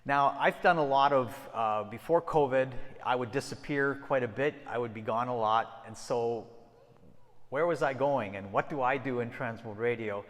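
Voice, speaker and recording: At a moderate pace and in a mid-range, fairly bright voice, a middle-aged man from Ecuador and Peru speaks as the missionary guest in a church sanctuary. His conversational mission talk to the congregation is marked by frequent sentence restarts. The recording has long hall reverb.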